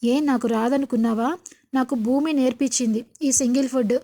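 Woman reading cheeky younger sister, playful teasing, high mellow voice. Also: fairly even intonation, normal speed.

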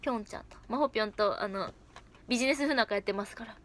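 Giggly high-voiced young woman chatting. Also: rapid-fire, a bit bright, a little hiss or hum. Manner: giggly, chatty, reacts to comments. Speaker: idol livestream host. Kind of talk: casual livestream chat reading comments.

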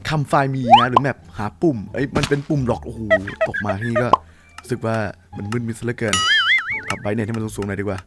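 Guy doing let's-play commentary, mid-pitched voice, loud game music underneath. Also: a little fast. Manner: chatty, exclaims loudly when startled. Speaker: gaming YouTuber.

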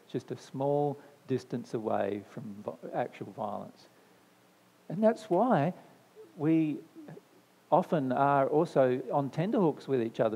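A man with a warm, mid-range voice gives a spiritual talk to a live audience indoors at a discussion venue. He answers their questions conversationally, often checking in with "right?" and repeating phrases for emphasis. The recording has a long hall reverb.

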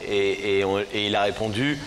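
A man's voice: on the low side, normal speed, fairly bright tone. A man interviewing guests conversationally as a television host. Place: television studio with audience. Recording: noisy television studio.

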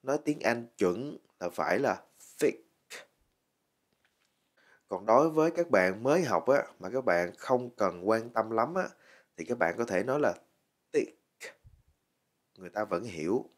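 A man teaching a language lesson, slowly and patiently drilling words with many repetitions. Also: fairly low pitch, lively intonation. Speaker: English teacher.

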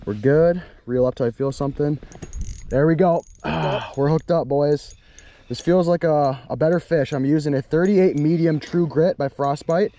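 Excitable young man hosting a fishing vlog. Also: on the high side, moderate pace, lo-fi sound. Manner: upbeat, excitable, chatty. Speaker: host. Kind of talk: casual outdoor vlog narration. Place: ice fishing shelter and open frozen lake, later a home kitchen. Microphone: handheld or body-worn action camera.

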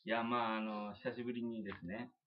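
A man's voice: on the low side, level tone, fairly quick. A man speaking as a guest actor, hesitant with many fillers and laughing. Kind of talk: casual interview chat. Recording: dull lo-fi stream with faint noise.

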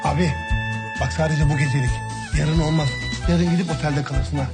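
A young actor playing a wary younger brother who bargains quickly and complains. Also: male voice, on the high side, steady tone, over loud music, lightly acted. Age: young adult. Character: young brother Sadık, sulky and wary, man.

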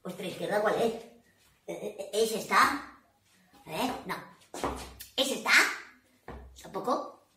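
A woman, telling a story to children in a playful, animated way and laughing often. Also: medium pitch, slow, long pauses, slight background noise. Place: library room. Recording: echoey room, voice from far off.

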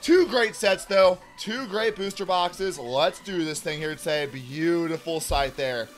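A man in his thirties runs a card-opening video at a table indoors, chatting excitedly with viewers he calls "y'all" even as his voice gives out. His pitch is fairly high and he speaks a little slowly, keeping the unboxing upbeat.

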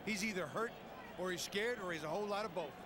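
Blunt boxing analyst guy, highish voice, crowd roaring and lots of noise. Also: quick pace. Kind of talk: live fight analysis.

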